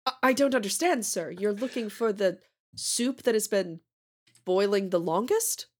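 Lady as polite soup seller, halting, kinda baffled, normal mid pitch, tabletop game. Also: lively intonation, close to an everyday voice. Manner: halting, deferential. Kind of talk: improvised tabletop role-play.

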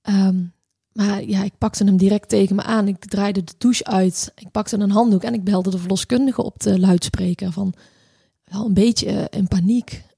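Husky, gravelly woman recounting a home birth. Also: medium pitch, fairly even intonation, mellow, dry recording, studio quality. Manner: halting, reflective, many restarts and fillers. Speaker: interviewee telling her birth story. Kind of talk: personal storytelling.

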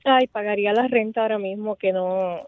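Brief: female radio caller, soft-spoken, heard through a tinny phone line. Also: medium pitch, fairly quick, dry recording.

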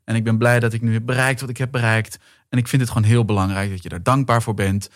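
A man's voice: mid-range voice, fairly even intonation, fast, dry recording, clean studio sound. A man in his forties, a guest actor and writer, telling personal stories in a casual talk. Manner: thoughtful anecdotes, many fillers. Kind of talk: casual chat.

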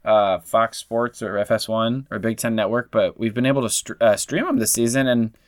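A man's voice: lowish voice, moderate pace, dry recording, studio quality. Chatty, upbeat podcast co-host man. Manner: chatty and enthusiastic. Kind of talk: casual sports podcast chat.

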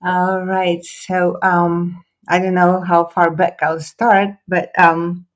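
A woman's voice: fairly low pitch, level tone, slow pace. A woman with a Croatian accent, a guest in a podcast interview, speaking hesitantly with many fillers and restarts. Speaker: guest photographer.

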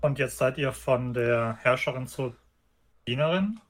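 A man's voice: mid-range voice, a little slow. A man playing a tabletop role-playing game, mixing casual talk with mock-archaic in-character lines.

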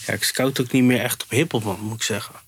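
A laid-back man at a mid-range pitch, co-hosting a podcast. He keeps his answers short and easy and peppers them with street slang. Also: steady tone, fast, a bit bright, slightly rough. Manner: laid-back, brief agreements, tags lines with "man" and "jongen". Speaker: podcast co-host. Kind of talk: casual chat.

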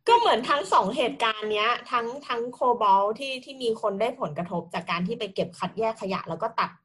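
A woman's voice: on the high side, expressive, quick pace, fairly bright tone. A woman hosting a podcast in casual chat, thinking aloud with plenty of fillers. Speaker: podcast host.

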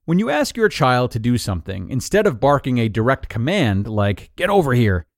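A man narrating an article of numbered tips in a clear, even, scripted read-aloud delivery. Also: mid-range voice, normal speed, no room sound, clean studio sound.

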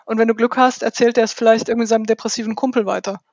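A podcast guest in casual conversation, speaking hesitantly and often trailing off quietly. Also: mid-range voice, fairly even intonation, rapid-fire, dry recording, lo-fi sound.

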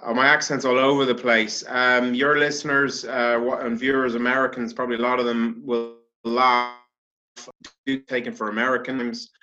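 Irish man on a bright, dull-sounding call. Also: medium pitch, little pitch movement, normal speed. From Ireland. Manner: chatty, self-correcting, laughs easily. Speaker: guest, author. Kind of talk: casual interview chat. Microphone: video call. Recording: dull lo-fi video call audio.

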